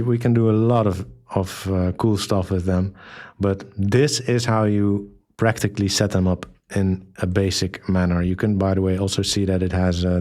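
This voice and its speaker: A man presenting a software tutorial in a relaxed, hesitant way, with many ums and restarts, reading aloud what he types. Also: on the low side. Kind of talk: screen-recorded software tutorial.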